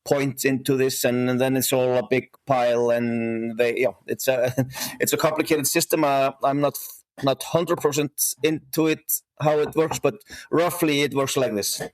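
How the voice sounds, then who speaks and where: Man, middle-aged, from Iceland, interview guest, halting with restarts, dry close recording. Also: medium pitch, fairly even intonation, dry recording. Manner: halting, many restarts and fillers. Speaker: guest, horse breeder and national team coach. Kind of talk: casual interview talk.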